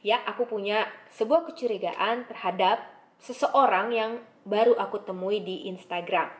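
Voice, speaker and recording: A young woman telling a story in a casual vlog, chatty and animated, acting out the messages she read. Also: medium pitch, moderate pace. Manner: chatty, animated retelling with frequent filler tags. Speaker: vlogger.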